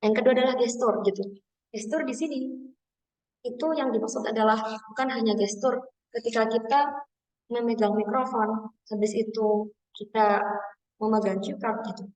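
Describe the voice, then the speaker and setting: Female trainer, casual webinar teacher, higher voice, recorded off-mic. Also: fairly even intonation, moderate pace, pauses often, a little mellow. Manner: casual instructive, often addresses listeners as friends. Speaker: public speaking trainer. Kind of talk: webinar lesson. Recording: distant from the mic.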